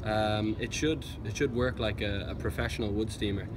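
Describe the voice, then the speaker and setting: A man's voice: on the low side, steady tone, moderate pace. Man explaining casually on a noisy street. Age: 30s. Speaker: DIY video maker. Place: outdoors on a city street. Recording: noisy outdoor city street.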